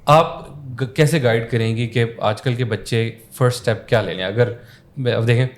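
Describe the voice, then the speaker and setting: A young man from Pakistan co-hosting a podcast, asking questions a bit hesitantly with fillers. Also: medium pitch. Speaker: podcast co-host. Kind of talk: casual chat.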